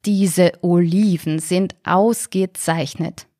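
Woman reading as a smug male robot shop assistant, overly polite, condescending, low voice, dry close sound. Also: fairly even intonation, takes it slowly, mellow, no echo. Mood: smugly polite.

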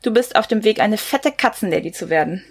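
A woman's voice: medium pitch, lively intonation, a little fast, slightly rough. Woman reading as a smug, belittling young man. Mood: mocking. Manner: dismissive, belittling.

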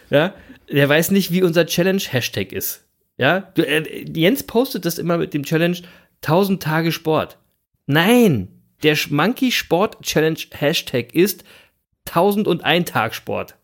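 Man, 30s, podcast co-host, casual chat, teasing, laughs a lot, slightly raised pitch, very animated intonation. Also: a little slow. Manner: playful, teasing, laughs often.

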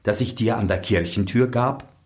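A man's voice: on the low side, moderate pace, natural voice. A man voicing a young prince who questions firmly and insists. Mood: suspicious.

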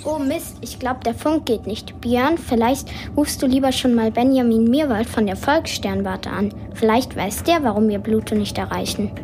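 A woman's voice: fairly high pitch, normal speed, few pauses, darkish tone, soft background music. A woman presenting scripted radio for children.

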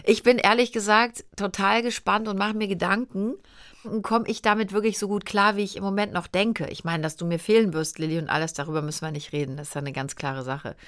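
A woman's voice: mid-range voice, fairly even intonation, a little fast. A middle-aged woman hosting a podcast in casual chat, talkative and teasing, laughing often. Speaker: podcast host.

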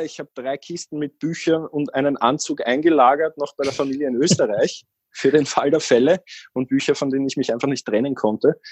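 Husky man telling his story. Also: medium pitch, no echo. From Austria. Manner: rambling, many fillers and restarts. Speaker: guest. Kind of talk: casual podcast interview.

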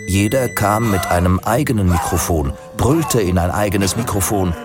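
A man's voice: normal speed, over music. A man reading a literary story aloud, lifting his voice for the quoted lines. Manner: lively, raises pitch for quoted speech. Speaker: narrator.

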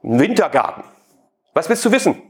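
A man's voice: fairly high pitch, very animated, a little fast, breathy edge. A man giving a live sales talk, questioning the audience and provoking them. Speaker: sales speaker.

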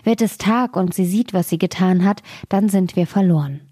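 A woman's voice: fairly low pitch, moderate pace, mellow, husky, no echo, clean studio sound. A woman voicing an urgent young fairy-tale girl. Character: frightened young girl, stepdaughter in flight.

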